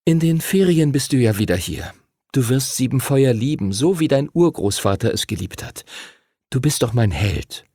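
A man's voice: mid-range voice, big pitch swings, moderate pace, mellow, no room sound, studio quality, pitched above the performer's own voice. A man voicing a tender, caring mother. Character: warm caring mother, woman, middle-aged. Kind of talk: audiobook character voice.

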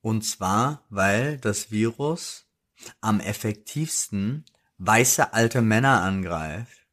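A man's voice: fairly low pitch, slow pace, a bit bright. A young man in casual podcast chat, joking dryly.

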